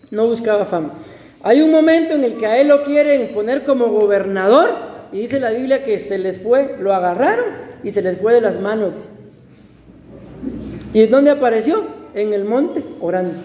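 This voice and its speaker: A man's voice: very high-pitched, mellow. A man preaching a sermon as pastor, talking in a conversational, jokey way and asking his congregation rhetorical questions. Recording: roomy hall reverb, faint background ambience.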